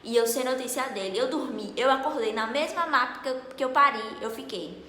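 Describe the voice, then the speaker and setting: A young woman, her voice high and very bright. She tells her story in an animated, dramatic way. The room is echoey, with a long reverb tail behind her. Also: fairly quick, slight background noise. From Northeast Brazil. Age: late teens. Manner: animated, dramatic, acts out dialogue loudly. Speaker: vlogger. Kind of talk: casual storytelling to camera.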